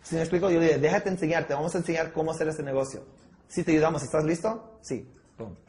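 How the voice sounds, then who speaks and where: A man coaching a small group on sales, acting out pitches with a trainee and often dropping English words into his Spanish. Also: fast, a little mellow. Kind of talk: sales training talk with role-play. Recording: echoey room.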